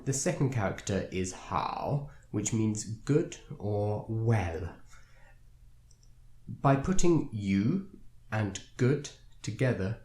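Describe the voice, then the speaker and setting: A man talks through a language lesson in a patient, explanatory way, pausing now and then on a filler. His voice sits fairly low and sounds warm and mellow. The recording carries a noticeable room echo. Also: animated. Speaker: language teacher. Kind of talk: instructional video narration. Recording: roomy echo.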